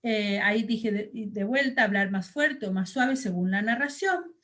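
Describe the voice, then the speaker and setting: A woman's voice: medium pitch, measured pace, a bit bright. A woman from Argentina teaching a storytelling training lesson, explaining patiently with fillers and checking questions. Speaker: children's ministry trainer.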